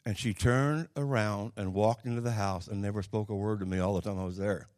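An older man with an Oklahoma accent delivering a folksy sermon with personal stories, halting and plainspoken, moving between hushed asides and loud, emphatic lines. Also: lowish voice, fairly even intonation, no room sound. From Oklahoma, United States. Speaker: Pentecostal preacher.

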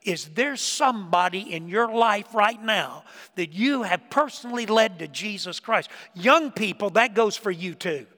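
A man preaching a sermon in a church, telling stories with emphasis and dropping between loud lines and hushed ones. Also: high voice, lively intonation, measured pace. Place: church sanctuary. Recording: reverberant church hall.

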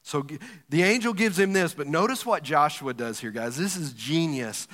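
A male pastor gives a lively, joking sermon, calling out to his congregation. His voice is bright and forceful, a touch higher than most men's. The church hall carries a long, ringing reverb. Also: moderate pace.

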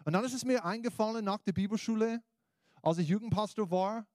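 American-accented man preaching, slightly high voice. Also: fairly quick, a little mellow, dry recording, studio quality. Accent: American accent in German. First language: English. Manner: exhorting, addresses listeners directly, colloquial. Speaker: preacher, pastor. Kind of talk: evangelical sermon, informal and conversational.

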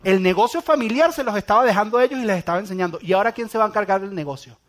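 A man preaching a sermon, dramatic, going from loud emphatic lines to hushed near-whispers. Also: high voice, racing.

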